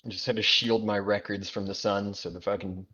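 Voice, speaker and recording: A man's voice: fairly low pitch, level tone, a little fast, bright, forceful tone, husky, highs cut off. A man co-hosting a casual podcast, laid-back and jokey, swearing now and then. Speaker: podcast co-host. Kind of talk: casual chat.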